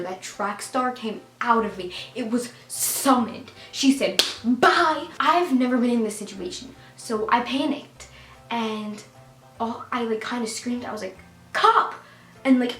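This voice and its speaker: A woman casually telling a storytime tale, animated and full of "like" fillers, getting loud when she gets excited. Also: fairly high pitch. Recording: roomy echo with faint music.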